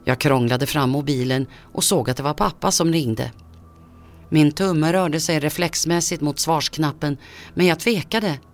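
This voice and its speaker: Man narrating a tense horror story. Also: fairly high pitch. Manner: tense, measured first-person telling.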